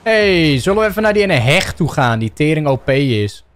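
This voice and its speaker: A young man with a Dutch accent giving excitable gameplay commentary, shouting and yelping playfully as he plays. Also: normal speed. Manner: shouty, playful, bursts into silly high yelps. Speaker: gaming YouTuber.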